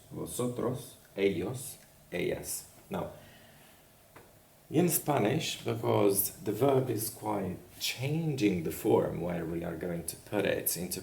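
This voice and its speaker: Slow gravelly man teaching grammar. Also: low-pitched, a little mellow, slight background noise. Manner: repeats "okay?" after each point, spells out endings slowly. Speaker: language teacher. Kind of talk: slow grammar lesson with board work. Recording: echoey room, mic at a distance.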